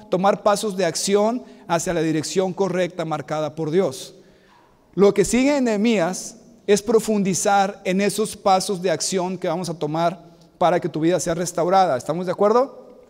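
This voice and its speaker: Brief: male pastor, earnest preaching style, high voice, church hall reverb. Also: darkish tone. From Mexico. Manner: earnest, repeats key phrases, asks the congregation to respond. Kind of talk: sermon. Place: church sanctuary.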